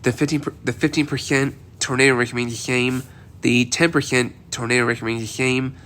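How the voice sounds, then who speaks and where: Hosting a laid-back weather update, a congested man with a cold speaks fairly quickly in a medium-pitched, flat, slightly bright voice. His delivery wanders, with frequent repetition and many restarts.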